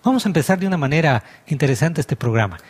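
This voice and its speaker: A man's voice: on the high side, expressive, quick pace, husky. A man who is a pastor hosts a religious TV talk show, welcoming his guests in the manner of a presenter. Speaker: host, pastor.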